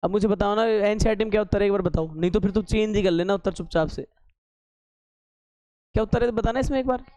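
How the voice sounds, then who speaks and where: High-voiced teasing male math teacher. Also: fast talker, long pauses, a little mellow, no echo. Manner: teasing, scolding students with sarcastic asides; works steps aloud, repeating key terms as questions. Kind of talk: classroom lecture at a board.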